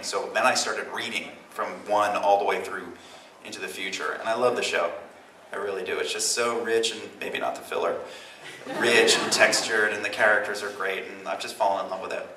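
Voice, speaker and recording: A man's voice: fairly low pitch, pushed and bright. A man answering fan questions at a convention panel in a chatty, self-deprecating, rambling way. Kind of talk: casual panel Q&A. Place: large convention hall, live audience. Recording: echoey convention hall, distant mic, faint hiss.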